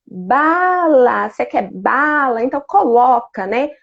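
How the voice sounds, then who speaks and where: A woman's voice: sits high, animated, takes it slowly, gravelly. A woman speech therapist explaining, as a guest in a live talk. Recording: dull lo-fi sound.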